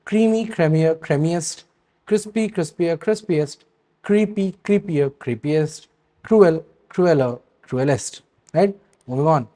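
Man teaching grammar, fairly high voice. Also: slow pace. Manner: checks in with a frequent "right?" and stops to hesitate; reads word lists in a steady, falling rhythm. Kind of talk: explaining grammar rules to students.

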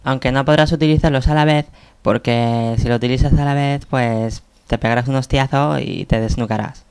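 A man's voice: steady tone, normal speed, darkish tone, smooth, lightly acted. A man voicing a cheeky female presenter in a parody infomercial dub, with an accent from Spain. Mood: salesy, mocking. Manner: infomercial sales pitch, cheeky.

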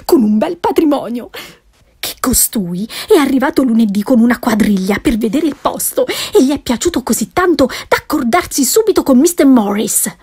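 A woman reading an audiobook, voicing a fussy, excitable middle-aged wife and mother who pleads and exclaims eagerly. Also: high-pitched, breathy edge, pitched above the performer's own voice.

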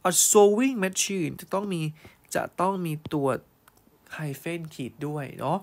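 A male teacher giving an online English grammar lesson. He reads test sentences slowly, then explains them fondly, calling students "child" and checking they follow. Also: sits high, expressive. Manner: fond, calls students "child" and checks understanding.

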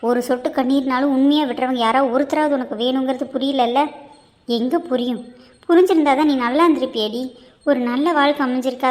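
A woman's voice: high voice, close to an everyday voice. Woman voicing a scolding younger sister. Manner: reproachful, scolding. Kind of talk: amateur cartoon voice acting.

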